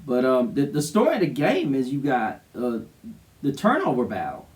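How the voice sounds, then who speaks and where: A man's voice: mid-range voice, huge pitch swings, moderate pace, a little mellow, far from the mic. A man co-hosting a sports show, giving casual, emphatic, opinionated commentary. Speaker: co-host of a college football show.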